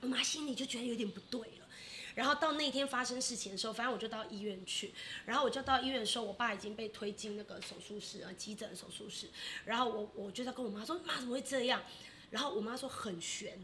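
A middle-aged woman with a Taiwanese Mandarin accent, co-hosting a podcast and telling a family story in an animated way, often acting out her relatives' voices. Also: fairly high pitch, quick pace, slight background noise. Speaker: podcast co-host.

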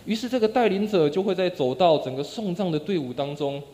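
High-voiced male preacher in echoing church. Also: animated, brisk. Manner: storytelling with acted-out quotes, voice dropping soft and low at ends of phrases. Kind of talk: sermon. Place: church sanctuary. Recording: long church reverb.

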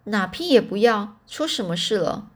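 A kindly old grandfather, proud of his grandson, speaks low and soft, as a woman reading a storybook voices him. His delivery stays close to a plain, everyday reading voice. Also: lively intonation, moderate pace. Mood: gentle.

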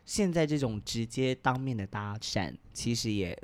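A Taiwanese-accented man co-hosting a casual chat, his pitch bouncing all over as he talks. He is playful, steers the topic, and slips English words into his sentences. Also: lively intonation, normal speed, no echo. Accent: Taiwanese Mandarin. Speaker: podcast co-host.

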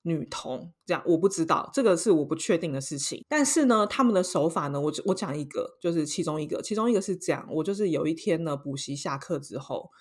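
A young woman with a Taiwanese Mandarin accent, co-hosting a podcast and telling a story in a casual, lively way, acting out voices as she goes. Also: deep voice, fast, few pauses, breathy edge. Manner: animated, acts out voices in her story. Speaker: podcast co-host.

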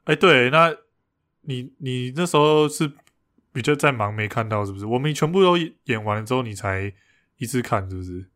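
A man's voice: mid-range voice, lively intonation, normal speed, a bit bright. A man co-hosting a podcast, casually retelling an argument with frequent laughs and restarts. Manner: laughs often, retells a fight with many restarts. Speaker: podcast co-host. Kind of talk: casual chat.

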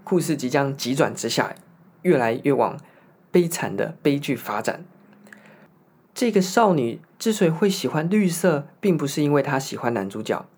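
A man with a Taiwanese Mandarin accent retelling a story in a casual, animated way, with jokey asides, rhetorical questions and acted-out quotes. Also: mid-range voice. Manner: animated, acts out the lovesick hero's lines in quotes. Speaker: host retelling a song cycle story.

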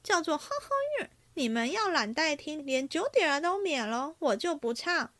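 A woman voicing a brash, crude young rich man at a drinking game, talking loud and blustering. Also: sits high, very animated, a little slow, no room sound, exaggerated voice.

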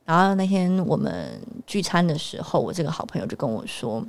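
A woman's voice: low-pitched, big pitch swings, fairly quick, gravelly. A woman telling a story in a casual vlog, chatty and hesitant, full of fillers and restarts. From Taiwan. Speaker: vlogger and mother.

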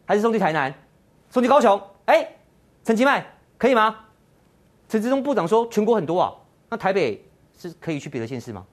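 A man hosts a political commentary show in Mandarin with a Taiwanese accent. His delivery is sarcastic and combative, full of mocking rhetorical questions. His pitch swings widely and lively from phrase to phrase. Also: a little fast, long pauses. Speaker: political talk show host.

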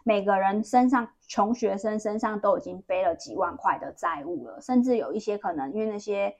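A woman's voice: mid-range voice, a little fast, darkish tone. A young woman with a Taiwanese Mandarin accent, chatting casually on a podcast and telling a long story full of restarts. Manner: rambling storyteller with many restarts. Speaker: podcast co-host.

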